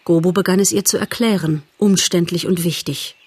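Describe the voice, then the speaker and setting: A woman narrating an audiobook in a calm, measured storytelling manner. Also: on the low side, slightly rough.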